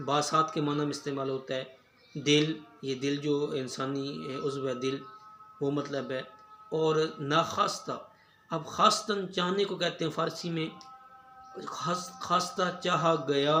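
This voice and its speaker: A man teaching a spoken lesson on pronunciation, explaining slowly and carefully with frequent hesitation fillers. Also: a little high, sharp tone. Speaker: Urdu language teacher. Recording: echoey room with faint ambient noise.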